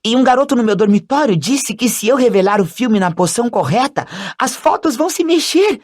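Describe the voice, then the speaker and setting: A man voicing an eager, excitable young schoolboy fan in an audiobook, gushing out question after question. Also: very high-pitched, voice pushed up. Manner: breathless, gushing, rapid questions. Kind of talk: audiobook character voice.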